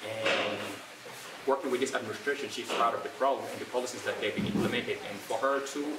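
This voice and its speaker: A young man from Gambia, an entrepreneur answering interview questions in a fast, casual flow full of "uh" fillers and restarts. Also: medium pitch, fairly even intonation. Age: young adult. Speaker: guest, entrepreneur. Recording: roomy, distant, loud ambient noise.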